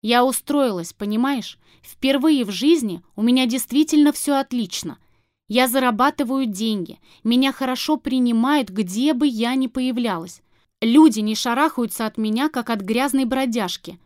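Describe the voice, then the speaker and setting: A woman voicing a defiant, sharp-tongued young woman in an audiobook, sarcastic and heated, swearing. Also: on the high side, moderate pace, dry recording, studio quality, natural voice. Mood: emotional. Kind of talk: audiobook character reading.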